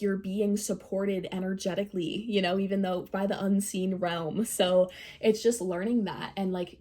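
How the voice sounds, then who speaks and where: A woman's voice: on the low side, dark tone. A woman with a nasal voice from a recent cold, giving a casual, rambling tarot reading to camera, full of "like" and "um". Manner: rambling, filler-heavy, many "like"s. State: recovering from a cold. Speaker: tarot reader.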